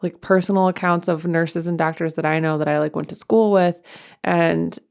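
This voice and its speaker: A woman co-host talks in a loose, rambling way, full of fillers and side-tracks. Her voice sits a little low for a woman and has a steady gravelly fry running through it. It is an easy, unscripted chat. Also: normal speed. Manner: rambling, chatty, many fillers. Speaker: podcast co-host, mother. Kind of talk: casual chat.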